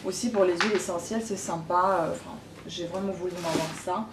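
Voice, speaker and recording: A woman's voice: fairly low pitch, steady tone, noisy background. A woman, chatting hesitantly to camera as a vlogger showing her gifts. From Ukraine. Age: 30s. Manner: chatty, hesitant, many pauses. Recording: roomy, distant from the mic.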